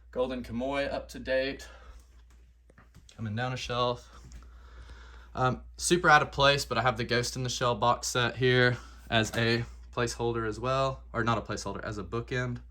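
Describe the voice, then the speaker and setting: A man's voice: medium pitch, a bit bright. A man giving a casual tour of his shelves, listing titles with lots of ums and side remarks. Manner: rambling, lists titles with many ums. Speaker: collector showing his shelves.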